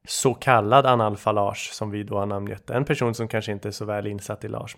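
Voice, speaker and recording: A man with a fairly low voice co-hosts a casual music podcast. He talks loosely with his co-host and sometimes reads short prepared bits with theatrical emphasis.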